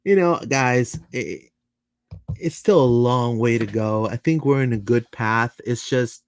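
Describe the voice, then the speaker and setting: A man's voice: mid-range voice, a little slow, clean tone, no room sound, clean studio sound. A man co-hosting a soccer fan show, talking casually and a little hesitantly, with fillers as he builds his points. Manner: hesitant, chatty, reads fan comments aloud. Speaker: podcast co-host. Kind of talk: casual sports talk.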